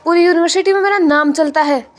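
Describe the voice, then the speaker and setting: Here is a woman playing a spoiled, hot-headed young guy from a storybook drama who snaps back at everyone, defiant and sulky. The voice sits very high. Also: fast. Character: bratty hot-headed young man, student.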